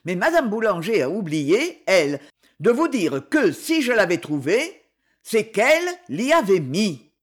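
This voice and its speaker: A reader voicing a young male reporter who makes ringing, forceful accusations in court. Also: sits high, very animated, unhurried, exaggerated voice. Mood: defiant.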